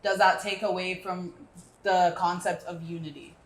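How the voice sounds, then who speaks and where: A woman's voice: on the low side, flat delivery, moderate pace. A young woman hosting a panel discussion, poised and reading prepared questions. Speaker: host. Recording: roomy echo.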